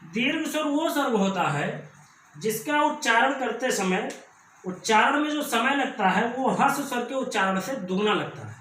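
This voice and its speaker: A man teaching a grammar lesson, explaining slowly and repeating key points. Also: very high voice, expressive, fairly bright tone, roomy sound, recorded from a distance, rough recording. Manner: slow, repetitive explaining.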